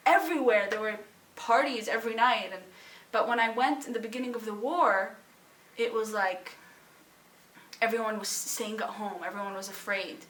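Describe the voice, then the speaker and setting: A young woman from Syria shares a personal account in a bright, somewhat high voice. She speaks haltingly and emotionally, with pauses and sighs. The recording sounds roomy and a little distant from the mic. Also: steady tone. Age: young adult. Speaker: student sharing her story. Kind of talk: personal testimony.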